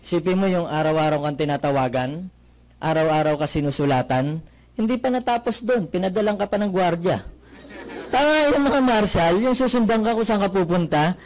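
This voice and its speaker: Lively Filipino man telling a testimony. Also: sits high. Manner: lively storyteller, asks the crowd questions, quick jokes. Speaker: motivational speaker giving a testimony. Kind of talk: testimonial talk to a live audience.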